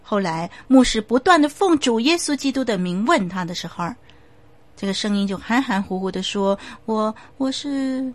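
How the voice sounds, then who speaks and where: A woman preacher giving a sermon with storytelling, speaking in a measured, emphatic way with occasional fillers. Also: medium pitch, expressive.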